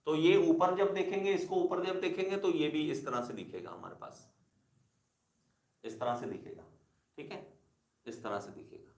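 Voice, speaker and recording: Male teacher, classroom lecture, gravelly voice, pitch a bit high, roomy echo. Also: normal speed, pauses often. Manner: repetitive, addresses students as kids. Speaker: engineering teacher.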